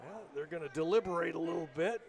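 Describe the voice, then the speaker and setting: A man giving excitable live commentary on a high school wrestling match, laughing between calls. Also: quick pace. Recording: loud crowd and noise behind.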